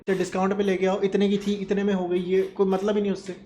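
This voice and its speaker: A man's voice: high voice, completely flat delivery, quick pace, dark tone, a little hiss or hum. Male teacher quizzing his class. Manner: asks questions and answers them himself; mixes Hindi with English terms. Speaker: commerce teacher. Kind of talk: classroom lecture.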